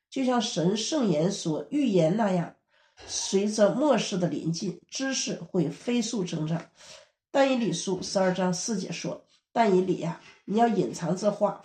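A woman preaches a teaching sermon at a steady, explanatory pace. Her voice is mellow and warm. The room around her is echoey. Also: medium pitch.

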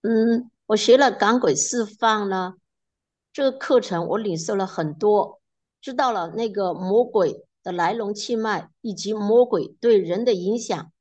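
A woman's voice: mid-range voice, a little slow, darkish tone, dull audio. A woman giving a spoken religious testimony as a course participant, in a plain step-by-step account.

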